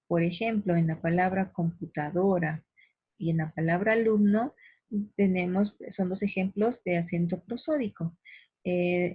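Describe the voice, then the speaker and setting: A woman teaching a grammar lesson, patient and explanatory, slowing down to stress syllables and speaking directly to the listener. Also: mid-range voice, dry recording. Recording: dry phone-like recording, husky.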